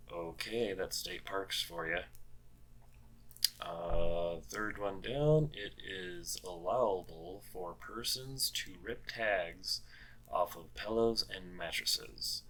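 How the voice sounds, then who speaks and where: Slow, deep-voiced man mulling odd laws. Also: a bit bright, low-quality recording. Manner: wry, puzzled, with many fillers and rereads. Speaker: host. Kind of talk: casual commentary reading out laws.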